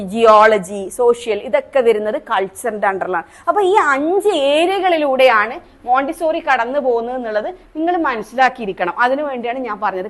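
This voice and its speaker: A woman Montessori trainer with a Malayali accent from Kerala leads a teacher training class, quizzing the trainees and demonstrating sounds. Her voice is on the high side and a bit bright.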